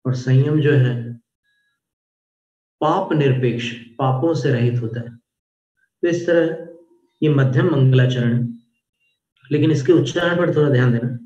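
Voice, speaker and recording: A man teaching a devotional Jain hymn, spelling out sounds slowly and carefully, then chanting verses in a rising melody. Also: mid-range voice, mellow. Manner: slow, careful pronunciation drills. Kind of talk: devotional recitation lesson. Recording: roomy, dull lo-fi audio.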